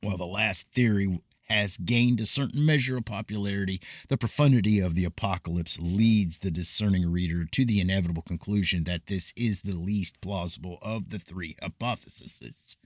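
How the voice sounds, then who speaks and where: A man reading an old esoteric book aloud in a measured, formal way, with occasional stumbles. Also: low voice, dry recording, studio quality. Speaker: reader of esoteric texts. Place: cold room.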